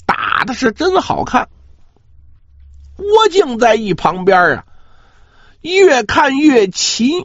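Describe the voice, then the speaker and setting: A male pingshu storyteller with a very high voice performs a dramatic traditional tale slowly and with animation. He draws out his particles and throws rhetorical asides to his listeners. The audio sounds roomy and slightly dull.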